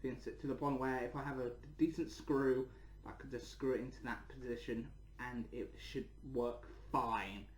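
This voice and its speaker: Talking to viewers in a casual channel update, a toy reviewer and channel host rambles and keeps repeating his words and phrases. His mid-range voice is measured in pace, with fairly even intonation. The room echoes.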